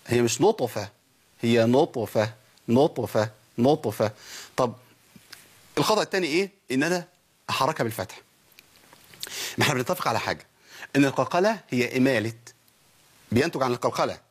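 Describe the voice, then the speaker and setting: A man with an Egyptian accent gives a recitation lesson at a quick clip. His voice has a husky, slightly rough edge. He explains each letter sound, drills it aloud, and puts questions to his listeners as he goes. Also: medium pitch. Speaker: Quran recitation teacher. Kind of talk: spoken lesson with pronunciation drills.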